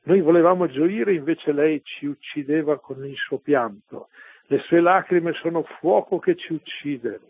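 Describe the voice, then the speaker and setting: A man's voice: fairly high pitch, unhurried, slightly rough, no room sound. A man voicing a tormented male demon who cries out in anguish during an exorcism, repeating its words, over a tinny phone-like radio broadcast.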